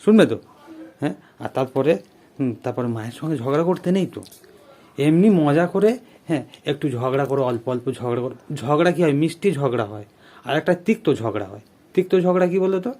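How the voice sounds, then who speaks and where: A man playing a father in a family vlog, coaxing and gently lecturing his daughter. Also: medium pitch, expressive, fast talker. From Bengal. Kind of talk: scripted family drama vlog.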